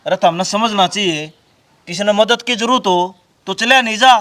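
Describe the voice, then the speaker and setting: A man playing a proud, pious old village father, talking in a Haryanvi accent. His voice sits high for a man, and he lectures his family with wounded dignity. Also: normal speed, bright, forceful tone. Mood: lecturing. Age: older.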